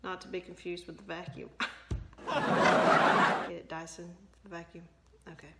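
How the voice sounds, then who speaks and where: A woman's voice: on the low side, little pitch movement, normal speed, heavy background noise. A young woman chatting casually in her kitchen for a vlog, rambling and poking fun at herself. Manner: chatty and rambling, self-mocking, laughs often. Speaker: vlogger. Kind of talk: casual chat. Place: home kitchen.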